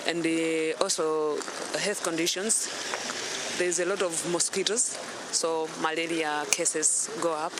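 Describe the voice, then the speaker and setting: A man's voice: a little high, little pitch movement, slow pace. A man answering an interview earnestly, with many hesitations and fillers. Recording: outdoor city noise.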